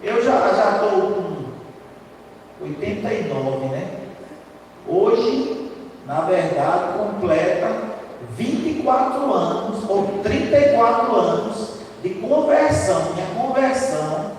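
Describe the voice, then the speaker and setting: A lay preacher with a high, hoarse voice delivers a sermon in a church sanctuary, loud and conversational, often tossing in tag questions to check in with the congregation. He's animated but takes it slowly, and the distant mic catches him echoing through the big hall over slight background noise.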